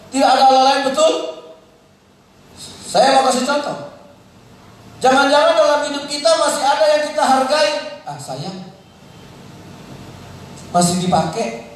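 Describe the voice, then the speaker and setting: A male pastor preaching a sermon to a congregation, calling out questions and swinging between loud high passages and quiet low asides. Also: slight background noise. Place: church hall. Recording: echoey hall, mic at a distance.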